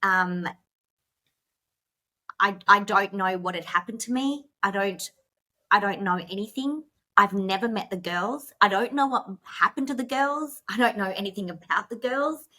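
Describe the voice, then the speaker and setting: Bright-voiced woman telling her story. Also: medium pitch, moderate pace. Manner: tells her story in a rush, with many "like"s and restarts; emotional at moments. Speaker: podcast guest. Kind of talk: personal storytelling in a podcast interview.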